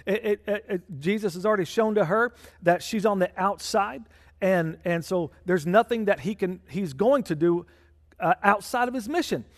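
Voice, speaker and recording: A male pastor delivering a fervent sermon in a fairly high voice. He preaches emphatically, and his intensity swells as he presses each point. The sound rings with the long reverb of a large hall. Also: normal speed. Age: adult with a child.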